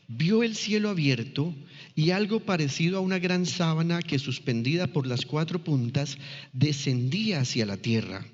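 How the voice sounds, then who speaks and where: A man preaching a sermon, teaching the congregation and often checking in with them through questions. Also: fairly high pitch. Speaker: pastor. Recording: long reverb, dull lo-fi church recording.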